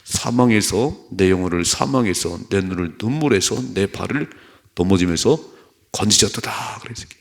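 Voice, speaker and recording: Gravelly-voiced pastor preaching a dawn sermon. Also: male voice, deep voice, lively intonation, moderate pace. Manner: earnest, repetitive preaching that asks the congregation to respond. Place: church sanctuary at a dawn prayer service.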